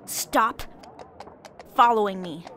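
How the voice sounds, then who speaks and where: A woman playing a proud young pony princess in a radio drama, regal and expressive in manner. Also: medium pitch, slow pace, a little hiss or hum. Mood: exasperated, indignant. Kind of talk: fan radio drama voice acting.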